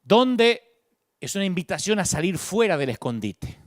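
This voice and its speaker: Preacher, male, fairly high and animated voice, dramatic delivery, dry sound. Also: a little fast, no echo. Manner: dramatic, shifts from booming calls to hushed murmurs. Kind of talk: sermon.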